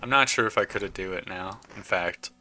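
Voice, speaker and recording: A man's voice: sits low, a little fast, pushed and bright, soft background music. A man casually commenting while playing a video game, chatting and reading the game's text aloud. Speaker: gaming YouTuber. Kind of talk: casual let's play commentary.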